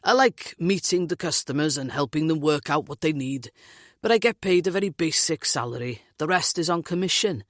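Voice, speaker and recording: A woman's voice: deep voice, expressive, a little fast, dry recording. A woman voicing a blunt, jokey middle-aged Welsh man who grumbles, in a dry close recording. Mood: grumbling.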